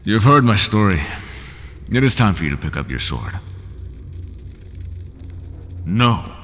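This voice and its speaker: A man voicing the Minotaur, a lonely, brooding bull-headed prisoner, in an ASMR roleplay, telling his story slowly and bitterly. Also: fairly low pitch, sing-song, fairly bright tone. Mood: challenging. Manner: slow, solemn and bitter storytelling. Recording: long reverb with faint ambient noise.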